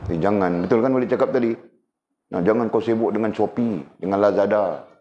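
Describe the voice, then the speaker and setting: Lively Sabah-accented man teaching religion. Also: fairly low pitch, brisk. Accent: Sabah Malay. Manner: animated, with constant rhetorical questions and repetition. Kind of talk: religious lecture to a class. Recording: roomy, slightly dull recording.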